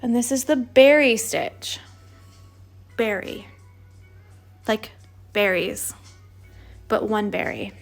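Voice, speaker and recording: A woman's voice: fairly high pitch, moderate pace, hardly any pauses, soft background music. A woman teaching an embroidery stitch in a casual, chatty livestream, filling her sentences with "like". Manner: chatty, lots of "like" fillers.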